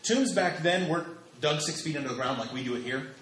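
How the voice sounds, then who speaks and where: A man's voice: a little high, expressive, fast talker, a bit bright, a little hiss or hum. A man in his thirties preaching a sermon, emphatic and repeating phrases for stress. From United States. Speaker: pastor. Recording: echoey hall with faint ambience.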